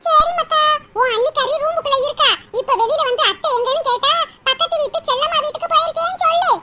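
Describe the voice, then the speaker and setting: A woman's voice: very high-pitched, quick pace. A woman voicing a scheming older mother-in-law in a cartoon, with a scolding, gossipy manner. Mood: coaxing. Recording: loud hiss under voice.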